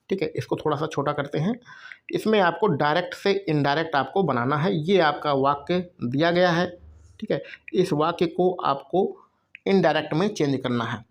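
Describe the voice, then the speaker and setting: A man teaching exam preparation in a recorded video lecture, explaining step by step, spelling words out letter by letter and checking in often with the viewers. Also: on the high side. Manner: frequent "theek hai" check-ins, addresses viewers as bhaiya.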